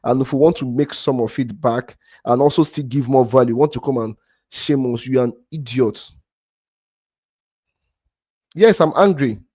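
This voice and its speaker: Brief: male trading streamer, mellow dark tone, dry dull lo-fi sound, rambling and heated. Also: medium pitch, steady tone, moderate pace, slightly rough, no echo. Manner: heated, swearing rant at a viewer; repetitive, restarts often. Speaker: crypto trading livestream host. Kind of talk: live stream talk to chat.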